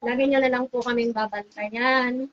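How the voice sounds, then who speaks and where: A woman speaking politely and softly as a client at a healing session. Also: on the high side, steady tone, normal speed, a little hiss or hum. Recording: dull lo-fi audio.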